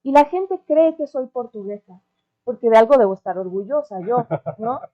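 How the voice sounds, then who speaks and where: A woman's voice: on the high side, animated, moderate pace. A woman from Mexico speaking earnestly at an academic panel, with ironic asides and frequent tag questions. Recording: dull lo-fi recording.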